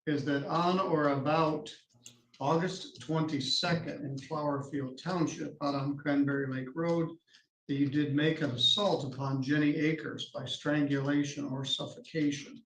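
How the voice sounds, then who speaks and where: A man presiding over a hearing in a courtroom, reading charges in formal, measured legal language. His voice is wearing thin and the room echoes around him, with faint background noise. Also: fairly high pitch, fairly even intonation, fairly bright tone. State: losing his voice. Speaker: judge. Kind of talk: courtroom proceedings.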